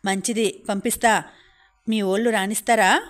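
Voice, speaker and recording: A woman voicing a motherly village housewife who consoles and chides gently, speaking with a Telangana accent in an audiobook reading. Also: medium pitch, fairly even intonation, normal speed, close to an everyday voice. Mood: consoling. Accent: Telangana Telugu.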